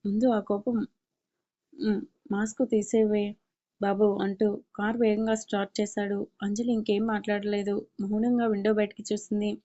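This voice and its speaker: A woman's voice: mid-range voice, flat delivery, normal speed, muffled recording. A woman reading a romantic audio story, narrating and speaking the lines of both lovers in her own voice. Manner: reads dialogue of both lovers in her own voice, gets louder in arguments. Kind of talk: audio story narration, voicing all characters.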